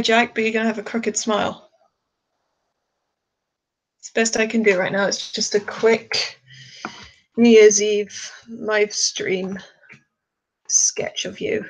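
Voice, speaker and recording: A woman's voice: medium pitch, poor audio. A woman chatting casually on a live stream while she draws, a bit tired, rambling and laughing often.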